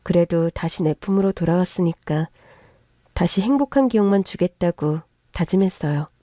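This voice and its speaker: A woman telling a first-person story in a steady, plain narrating manner. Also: on the low side, normal speed, no room sound, clean studio sound.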